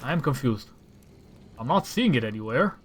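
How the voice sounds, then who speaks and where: A medium-pitched male voice with a breathy edge, very animated and at normal speed, belongs to a Romanian man hosting a gaming channel. His first language is Romanian, and while showing a mod he thinks aloud casually and slides into exasperated rants.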